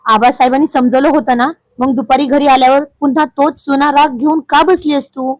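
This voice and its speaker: A woman's voice: sits high, fairly even intonation, fairly quick, a little mellow, no room sound, natural voice. A stern hot-tempered village husband, voiced by a woman. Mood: angry. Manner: stern, threatening.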